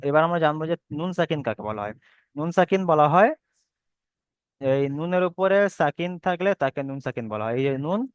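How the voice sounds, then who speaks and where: A man's voice: a little high, clean tone, no echo, muffled recording. Patient male Quran reading teacher. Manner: patient, repetitive explaining, drawn-out sounds when demonstrating letters. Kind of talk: online Quran reading lesson.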